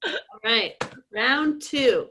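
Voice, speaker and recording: A woman's voice: a little high, expressive, drawn-out words, sharp tone, slight background noise. A woman casually hosting and judging a silly contest, joking in a playful, crude way. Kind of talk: casual joking banter with scoring.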